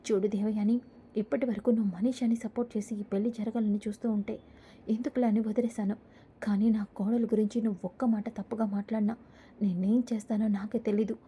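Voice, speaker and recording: A woman's voice: medium pitch, little pitch movement, fairly quick, mellow, slightly rough. Aravinda, a woman reading a stern mother-in-law. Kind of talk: serial episode recap read aloud.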